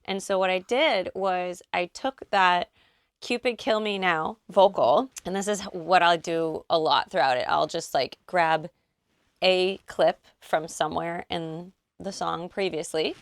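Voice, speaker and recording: Bubbly lower-voiced woman producer explaining. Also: measured pace, no room sound. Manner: bubbly, chatty, gushing with slang. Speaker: vocal producer explaining her track. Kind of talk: casual studio walkthrough. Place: recording studio.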